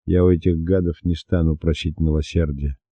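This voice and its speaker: A cold, bitter young man on death row, put on by a male reader. He speaks sourly, in short, low phrases. The audio is lo-fi and dry. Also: steady tone, brisk, warm tone, no echo. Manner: sour, clipped. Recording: dull dry lo-fi recording.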